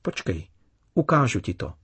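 A man's voice: medium pitch, slightly rough, no room sound, exaggerated voice. A man reading as a patient, kind father. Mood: explaining. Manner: calm and explaining.

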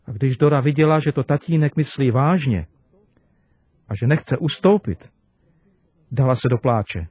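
A man preaching to children, telling a story gently and expressively. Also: medium pitch, animated, slightly rough, dry recording.

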